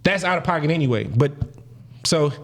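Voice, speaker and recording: A man in his thirties from New Jersey telling a story in a casual interview, slangy and animated, acting out the people he quotes. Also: a little high, brisk. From Paterson, New Jersey. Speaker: guest.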